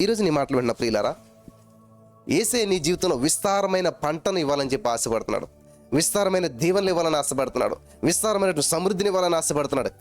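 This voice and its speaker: A pastor preaching with a Telugu accent, chanting repeated phrases and swinging between loud and low delivery. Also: male voice. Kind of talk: sermon.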